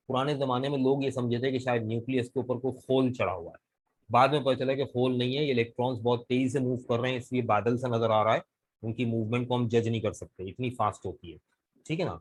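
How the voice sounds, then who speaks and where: A man with a Pakistani Urdu accent teaches a live online class over a video call. His voice sits at an ordinary middle pitch, and he explains things patiently, step by step. He keeps pausing to ask his students questions. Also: rough recording. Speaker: English vocabulary teacher.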